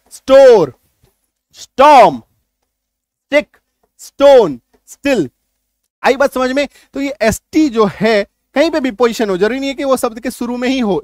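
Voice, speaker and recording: A male English teacher giving a video lesson in Hindi, drilling letter sounds loudly and asking rhetorical questions to check understanding. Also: extremely high pitch, no echo. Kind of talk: classroom-style video lesson.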